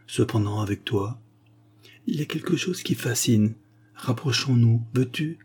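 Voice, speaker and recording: A man's voice: medium pitch, unhurried, a little mellow, breathy edge. A man voicing an anxious guilt-torn woman.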